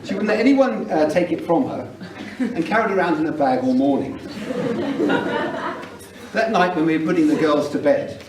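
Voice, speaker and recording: A man's voice: a little high, moderate pace. Middle-aged English man toasting, distant and echoey. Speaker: father of the bride giving a toast. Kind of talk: wedding speech with humorous anecdotes. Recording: roomy, noisy event recording from far off.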